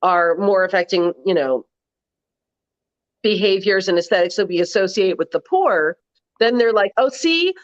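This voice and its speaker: A woman's voice: mid-range voice, moderate pace, pauses often, highs cut off. A woman co-hosting a casual podcast chat, talking conversationally with many fillers. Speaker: co-host.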